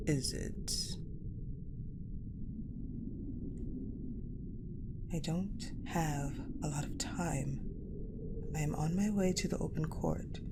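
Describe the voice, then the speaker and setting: Over a noisy ambient backdrop, a deep-voiced woman portrays a cold, possessive, guarded war general in dramatic audio roleplay. Her haughty, pensive delivery is measured and full of deliberate pauses, brooding and commanding.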